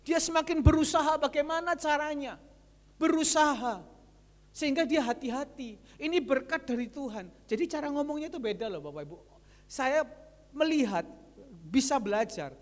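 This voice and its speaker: A man's voice: very high-pitched, normal speed. A male pastor, preaching a sermon that retells conversations and speaks directly to the congregation. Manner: lively preaching that switches between retold dialogue and addressing the congregation. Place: large church hall. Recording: long church hall reverb.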